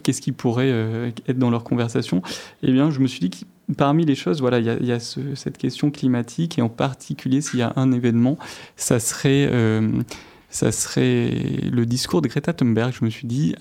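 Male radio guest, mellow low-toned voice, halting delivery with lots of fillers. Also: gravelly. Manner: hesitant, many fillers and restarts. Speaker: guest researcher. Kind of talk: radio interview answers. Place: radio studio.

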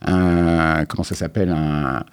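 A man's voice: a bass voice, fairly even intonation, measured pace, clear, resonant tone. A man being interviewed as a guest artist, talking casually and hesitantly with many filler sounds.

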